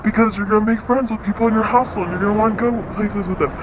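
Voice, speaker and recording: Man, travel companion, wry, casual storytelling, high voice, clear street noise behind. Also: fairly even intonation, rapid-fire.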